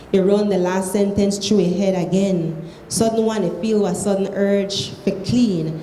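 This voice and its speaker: Reading prose fiction aloud, a Belizean-accented woman uses a soft, mellow, mid-range voice. The room rings with echo, faint noise sits behind her, and she reads in a measured, expressive way.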